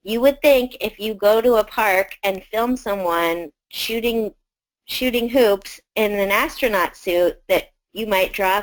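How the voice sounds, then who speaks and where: A woman's voice: mid-range voice, low-quality recording. A woman presenting a collection of arts education videos to teachers, in a conversational way with frequent fillers.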